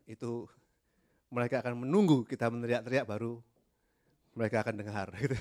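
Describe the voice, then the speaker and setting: A middle-aged man preaching a sermon, gentle and hesitant, with many fillers and English words mixed in. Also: medium pitch.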